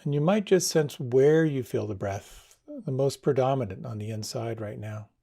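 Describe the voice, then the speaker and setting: Male meditation guide, soft and unhurried, dark and gravelly. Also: mid-range voice. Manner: slow, soft, soothing instructions.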